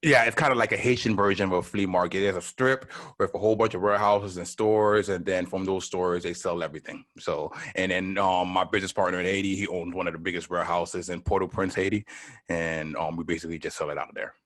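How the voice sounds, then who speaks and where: A man from Miami, a podcast guest talking in a relaxed, chatty way, often checking in with a quick "right?". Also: low voice. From Miami, United States. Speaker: guest, entrepreneur. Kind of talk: casual interview chat.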